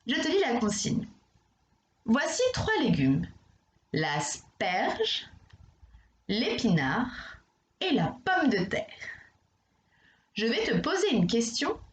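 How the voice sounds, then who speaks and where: A woman primary school teacher talking a young child through exercises in a recorded lesson, with slow, careful enunciation. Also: fairly high pitch, very animated. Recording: echoey room.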